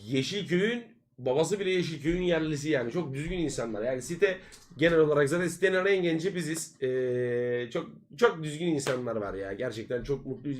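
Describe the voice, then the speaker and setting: A man live streaming, chattering nonstop to his viewers in expressive, complaining, swear-filled slang. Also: on the high side, a little hiss or hum. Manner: foul-mouthed, slangy. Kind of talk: casual livestream chat with viewers.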